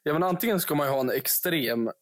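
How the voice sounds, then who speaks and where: A man's voice: a little high, no room sound, clean studio sound. En ung man som medvärd i en podcast, håller med och skrattar med. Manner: agreeable, laughing along. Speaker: podcast co-host. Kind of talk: casual chat.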